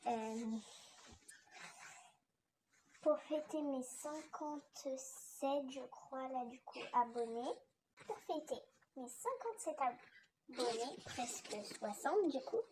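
A woman's voice: sits high, dark tone, a little hiss or hum, voice pushed up, rough recording. A woman talking through a voice changer filter, giving a chatty video intro as a gaming YouTuber. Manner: chatty, bubbly greeting to viewers.

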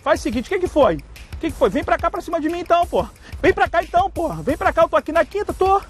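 High-pitched, taunting Rio man on the phone. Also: very animated, fast, faint music behind. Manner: taunting, challenging, worked-up. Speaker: prankster on a phone call. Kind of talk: loud staged phone provocation.

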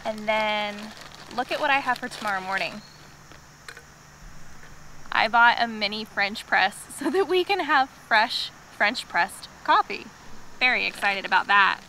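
A woman's voice: medium pitch, lively intonation, unhurried, pauses often, bright, forceful tone. A young woman vlogging casually from a wooded campsite into a handheld camera, chatty and upbeat with lots of "like" fillers. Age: young adult. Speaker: moto-camping vlogger. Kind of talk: casual vlog narration to camera. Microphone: handheld camera at arm's length. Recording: noisy outdoor camera audio. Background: outdoor woodland ambience.

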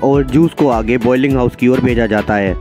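A man narrating a factory process in a steady, explanatory voice-over. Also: medium pitch, moderate pace, over music.

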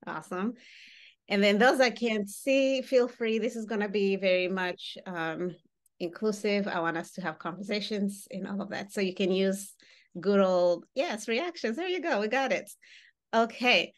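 A woman in her thirties who grew up in Uganda leads an online workshop over a video call and speaks straight to the participants. She's animated, gestures as she talks, and engages them directly, with a mid-range voice at a moderate pace. Her webcam picks her up in a home room with baskets on the wall.

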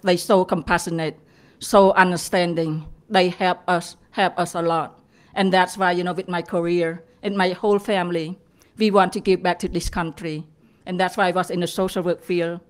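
A woman from Cambodia with a Cambodian accent, answering student questions in halting, hesitant phrases. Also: on the low side. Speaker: guest speaker.

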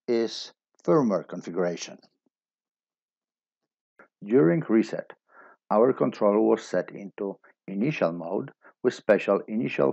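A man with a low, gravelly and slightly husky voice walks through a technical setup step by step. The recording is dry and a little dull, like a plain voice-over. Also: no echo. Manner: steady step-by-step explaining. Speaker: instructor.

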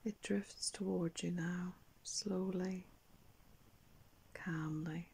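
An older woman leads a guided meditation in the manner of a sleep story narrator. Her voice is very breathy and whispered, sitting a little low. She speaks calmly and very slowly, leaving space between soft phrases. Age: older, around 60s. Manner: calm, soft, unhurried, with long pauses. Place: small indoor room.

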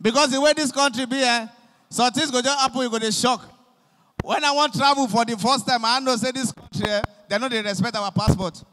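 A young man with a Nigerian accent doing animated stand-up comedy in Pidgin, acting out his characters, on a handheld mic on a concert stage. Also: very high voice, brisk, slight background noise. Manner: animated storytelling, acting out police and pastors. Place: large concert stage with live audience. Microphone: handheld microphone. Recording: long reverb of a large hall.

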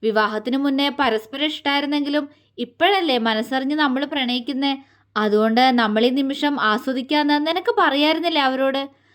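A woman voicing a young husband in a romantic audio story, speaking softly and earnestly. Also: high-pitched, normal speed. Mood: tender. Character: young husband, tender and loving.

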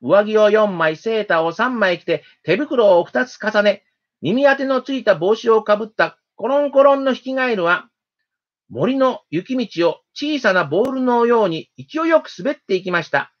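A storyteller narrates a children's tale in a gentle, steady, expressive reading. The voice sits at a middle pitch. The recording sounds dull and lo-fi. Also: normal speed.

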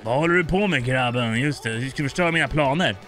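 A man voicing a scheming male villain in a video game, talking in a gruff, threatening way. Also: medium pitch, fairly bright tone, faint music behind, close to an everyday voice.

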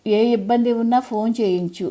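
A woman's voice: a little high, brisk, close to an everyday voice. A woman reading an audio story, voicing a tired sixty-year-old daughter who coaxes and pleads with her elderly mother. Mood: pleading. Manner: gently insistent, coaxing.

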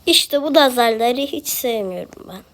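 Her pitch sits fairly high, and she sounds expressive while keeping a moderate pace. The woman, a gameplay streamer with a Turkish accent, chats to herself and gripes as the video game goes on, in a casual commentary style.

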